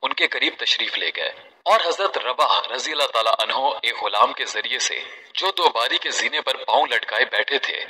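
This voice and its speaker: A man narrating a religious story in a measured, formal, reverent way, adding honorifics to every name. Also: mid-range voice, sharp tone. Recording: long hall reverb.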